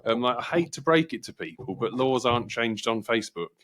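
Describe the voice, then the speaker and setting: An English man hosting a casual podcast, talking in an animated, argumentative way and acting out quoted voices. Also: medium pitch, a little fast. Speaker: podcast host.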